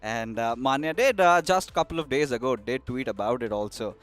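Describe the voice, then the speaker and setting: A man with an Indian English accent, a guest analyst who talks excitably and hesitantly, with many fillers. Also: mid-range voice, brisk, soft background music. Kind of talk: esports analyst desk commentary.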